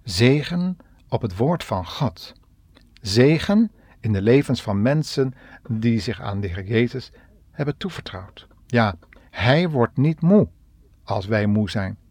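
A man's voice: medium pitch, expressive, slow, a little mellow, husky, no echo. A man giving a devotional radio message in an earnest tone, speaking directly to the listener. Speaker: radio preacher.

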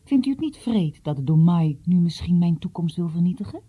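An earnest, troubled schoolboy from a storybook pleads and stammers in a lifted, higher voice, as a woman reads him. The tone stays dark and husky underneath. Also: lively intonation, a little fast. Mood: pleading.

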